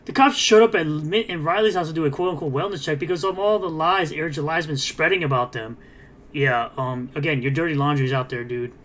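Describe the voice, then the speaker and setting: A man's voice: fairly high pitch, fairly bright tone. A man hosting a drama commentary, reading posts aloud and reacting to them in a mocking, scornful way. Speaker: host of a commentary video. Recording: clearly noisy background.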